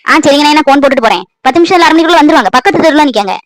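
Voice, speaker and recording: A woman voicing a brisk, polite delivery worker in a cartoon. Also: high voice, lively intonation, dry recording.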